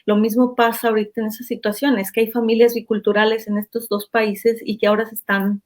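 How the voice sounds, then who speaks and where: A woman from Mexico with a Mexican accent, a guest in an interview who tells anecdotes in a chatty, animated way and often repeats words. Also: fairly high pitch, brisk. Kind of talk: conversational interview storytelling.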